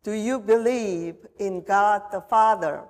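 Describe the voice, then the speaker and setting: A woman pastor leading a confirmation service in a formal, measured liturgical manner, her voice carrying a long cathedral-like echo. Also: mid-range voice, a little mellow. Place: church sanctuary. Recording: voice in a reverberant church.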